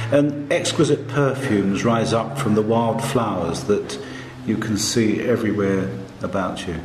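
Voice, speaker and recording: A man leads a guided meditation in a low voice, calm and hushed. He speaks very slowly, leaving long pauses between short phrases. The recording is echoey, with a faint hiss behind him. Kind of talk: slow guided meditation narration.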